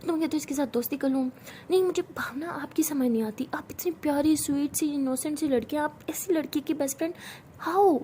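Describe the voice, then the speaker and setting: A woman's voice: sits high, steady tone, fast, few pauses, warm tone, slight background noise, voice pushed up, natural voice. A woman voicing a dramatic young college woman who plays the senior, complaining in an indignant, theatrical way. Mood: bickering.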